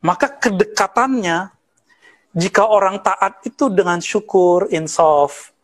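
A man's voice: sits high, takes it slowly. A man in his thirties from West Sumatra, an Islamic preacher giving a conversational study lecture with Arabic terms and teasing asides. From West Sumatra, Indonesia. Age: 30s.

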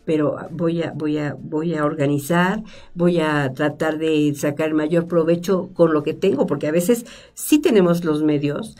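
A middle-aged woman, a psychologist guest, explaining calmly in a studio conversation and asking herself rhetorical questions. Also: low voice, a little slow. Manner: reflective, lists rhetorical questions. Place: studio with stone wall, seated at table. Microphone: desk microphone.

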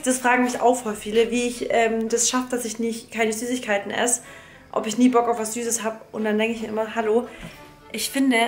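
A young woman vlogging casually to a handheld camera in an informal, chatty way, mixing in English slang. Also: a little high. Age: young adult. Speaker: travel and food vlogger. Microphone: handheld camera at arm's length.

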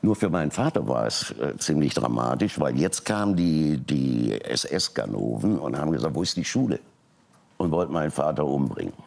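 A man's voice: normal speed, few pauses. An older man, a talk show guest, telling a personal family story and acting out the people he quotes. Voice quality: very deep, gravelly and husky. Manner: animated retelling, voicing quoted people.

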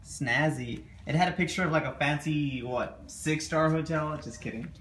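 Relaxed joking man, slightly high voice. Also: normal speed. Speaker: vlogger's partner. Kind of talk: casual chat. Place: house under construction, indoors. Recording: noisy room ambience.

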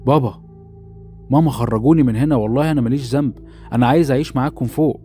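A man's voice: medium pitch, rapid-fire, mellow, faint music behind, lightly acted. A man voicing a deformed young man locked in a cellar, speaking in an Egyptian accent with raised, tense delivery. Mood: pleading. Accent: Egyptian Arabic.

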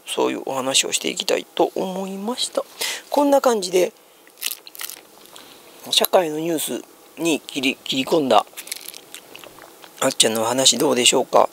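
A man's voice: medium pitch, gravelly, fairly bright tone. A man with a Kansai Japanese accent chatting casually as a solo streamer, explaining news and thinking aloud. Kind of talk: casual chat commentary on news. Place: small room at home, seated on a sofa.

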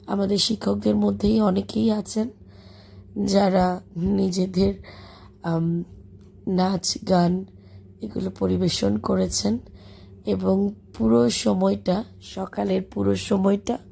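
A Bangladeshi woman, a schoolteacher, talks through her vlog in a casual voice-over. Her voice is hoarse and broken down to a heavy gravel, and its tone is husky and dark. She rambles along with many fillers. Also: medium pitch, fairly even intonation, slow pace, long pauses. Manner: chatty, warm about the children, frequent fillers. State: hoarse, voice gone from illness. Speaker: schoolteacher and vlogger. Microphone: voice-over recorded separately.

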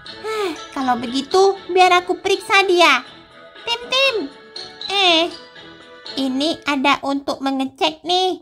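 A woman's voice: very high-pitched, lively intonation, slow, long pauses, fairly bright tone, faint music behind, heavily acted. A woman voicing a jealous, mischievous little boy in a game, talking in a whiny, childish way.

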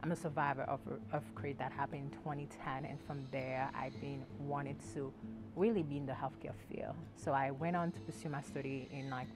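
A young woman from Haiti speaks in a strikingly deep voice, pausing often with fillers. Clear background music runs beneath her. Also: steady tone. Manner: hesitant, with many fillers. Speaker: graduate student. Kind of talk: interview.

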